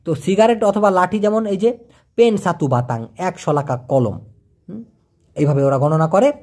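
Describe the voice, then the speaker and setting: A man teaching vocabulary in a casual lesson, explaining each word with everyday examples and repeating pronunciations slowly. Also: high-pitched, darkish tone. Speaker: language teacher.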